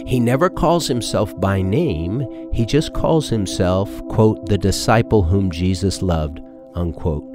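A man's voice: deep voice, lively intonation, unhurried. A man, a pastor, preaching earnestly on a podcast, asking his listeners questions. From Texas. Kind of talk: podcast sermon. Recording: with background music.

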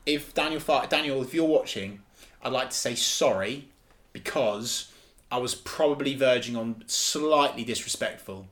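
A man's voice: mid-range voice, unhurried, a bit bright. A man co-hosting a casual football podcast, talking emphatically and with enthusiasm, often repeating himself. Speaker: podcast co-host.

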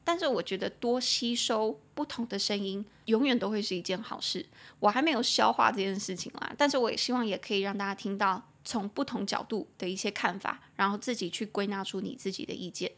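A woman with a Taiwanese Mandarin accent hosting an English-learning podcast, reading English lines slowly and then explaining them in casual Mandarin. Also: mid-range voice, a bit bright. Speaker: podcast host teaching English.

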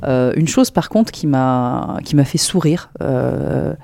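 A woman talking in a casual podcast discussion, mellow in tone and plainly opinionated. The recording is dry and close, with no room sound. She pauses with frequent fillers as she makes her points. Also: very deep voice, vocal fry, no room sound. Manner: outspoken, opinionated, many fillers. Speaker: podcast co-host.

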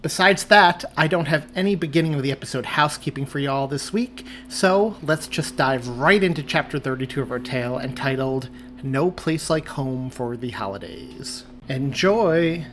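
A man with a fairly bright, higher-pitched voice speaks at a normal pace, with faint music in the background. He hosts a podcast and narrates a chapter of his own story like an audiobook, adding friendly, apologetic asides.

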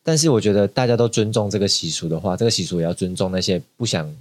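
A man's voice: fairly low pitch, fast, no room sound. A man hosting a casual podcast chat, teasing his guest and laughing often. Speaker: podcast host.

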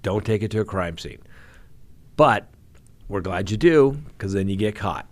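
A man's voice: on the low side, a little slow. A man who works as a criminal defense attorney, hosting a show where he reads crime news and adds wry, joking commentary. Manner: wry, animated, reads news then jokes about it.

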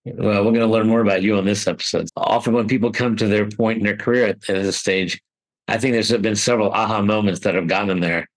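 A man hosting a podcast, introducing his guest and asking questions politely in a measured way. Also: lowish voice, steady tone, low-quality recording. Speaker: podcast host. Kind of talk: interview hosting.

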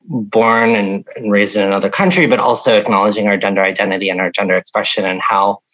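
A woman's voice: a bass voice, fast talker, a bit bright, low-quality recording. A woman from upstate New York speaking on a panel in a thoughtful, hesitant way with many "um"s. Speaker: panelist, advocacy director. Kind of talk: panel discussion.

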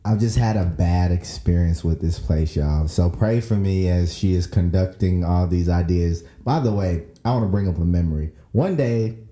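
A man's voice: deep voice, moderate pace, hardly any pauses, warm tone. A man co-hosting a casual chat and telling a laid-back story. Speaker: co-host. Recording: roomy echo.

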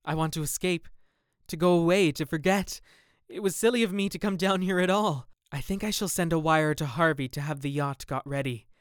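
A man playing a troubled young gentleman who speaks in a melancholy, anxious way. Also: mid-range voice, normal speed, clean tone, no echo, lightly acted. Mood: anguished.

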